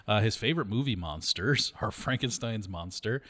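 Deep-voiced man with lively delivery. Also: normal speed. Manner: chatty, laughs often, lively delivery. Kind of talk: casual chat about films.

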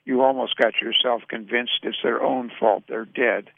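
A blunt, weary soldier voiced by a man reading aloud talks in a low, cutting hiss. His voice is deeply gravelly. The sound is thin and phone-like, like an old radio broadcast. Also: fairly even intonation, measured pace, no room sound. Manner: hissing, quiet and cutting. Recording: tinny narrow radio sound.

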